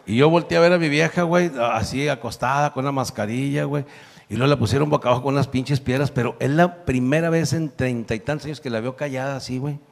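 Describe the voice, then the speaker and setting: A man's voice: mid-range voice, fast, vocal fry, long reverb tail. A man in his sixties from northern Mexico, with a northern Mexican accent, telling a crude, profane stand-up story and laughing through the punchlines. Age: 60s. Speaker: comedian.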